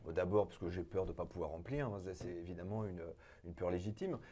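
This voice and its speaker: A man who is a cabaret performer, a guest on an interview show, talking in an animated way with emphatic repetitions. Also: low voice, fast talker. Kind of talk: casual TV interview.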